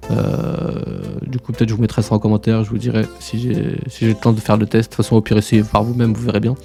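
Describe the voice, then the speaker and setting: A man's voice: lowish voice, little pitch movement, quick pace, creaky, mellow, soft background music. A man hosting a casual screen-share tutorial, informal and slangy, chatting to viewers like buddies. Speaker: tutorial host.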